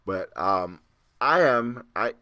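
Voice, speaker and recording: A man in his fifties hosting a casual solo podcast, rambling and chatty, with asides and quick laughs. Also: medium pitch, lively intonation, sharp tone, dry recording. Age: 50s. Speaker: podcast host.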